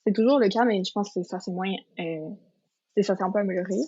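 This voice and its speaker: A woman in her twenties from Colombia talks earnestly as a podcast guest, pausing and restarting often. Her pitch sits mid-range for a woman. The recording sounds a little dull and lo-fi. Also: darkish tone, husky. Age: 20s. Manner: earnest, many fillers and restarts. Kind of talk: casual testimony chat.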